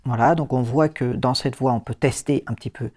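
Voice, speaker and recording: A man's voice: medium pitch, fairly quick, background noise. Man casually walking through a tutorial. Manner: relaxed explainer with fillers and dry asides. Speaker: host. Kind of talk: casual screen-reader tutorial.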